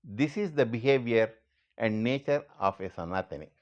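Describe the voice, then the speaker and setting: A man's voice: mid-range voice, expressive, moderate pace, dull audio. A man with an Indian accent delivering a scripted monologue, speaking earnestly and directly to the person he addresses.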